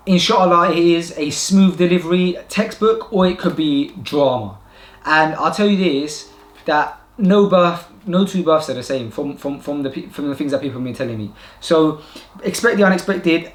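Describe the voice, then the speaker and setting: Young vlogger dad, earnest advice, higher voice, roomy echo. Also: male voice. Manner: earnest, repeats points for emphasis. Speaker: vlogger giving advice to new fathers. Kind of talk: casual direct-to-camera advice. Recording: echoey room.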